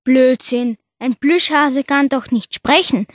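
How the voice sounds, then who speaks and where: Woman voicing a frightened young boy, high voice, slow, hesitant, dry studio sound. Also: no echo. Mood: doubtful. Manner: hesitant, anxious, unbelieving. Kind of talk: scripted language-course radio play.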